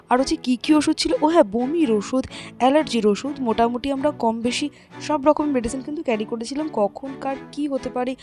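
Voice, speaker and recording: Young bengali woman vlogging, talks super fast, chatty with viewers, bit of music in the back. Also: on the high side, darkish tone. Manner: chatty, addresses viewers directly. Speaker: travel vlogger. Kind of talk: casual travel vlog chat.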